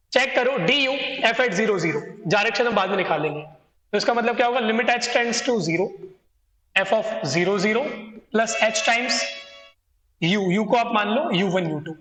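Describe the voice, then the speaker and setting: A man's voice: extremely high pitch, a bit bright. A man teaching a math exam solution lecture, explaining step by step and speaking directly to his students. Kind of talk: exam solution lecture, mixing Hindi and English. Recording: echoey room with long reverb.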